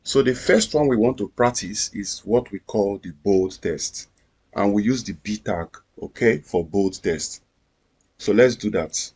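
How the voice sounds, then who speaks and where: A man's voice: lowish voice, unhurried, a little mellow, breathy edge. A man teaching a screen-recorded coding lesson, explaining each step patiently and repeating himself. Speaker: coding instructor.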